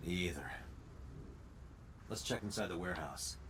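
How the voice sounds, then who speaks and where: A man's voice: low voice, expressive, moderate pace, background noise. An actor playing a dry, wisecracking male police detective in a video game. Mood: businesslike. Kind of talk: English video game voice acting.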